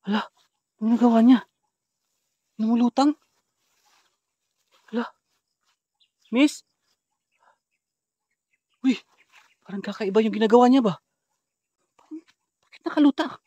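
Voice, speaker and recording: A man vlogging a paranormal hunt at night, whispering asides to viewers and calling loudly into the dark. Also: very high voice, slow pace, long pauses, no room sound, dull audio. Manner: hushed asides to viewers, loud calls into the dark. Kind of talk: ghost-hunting vlog narration.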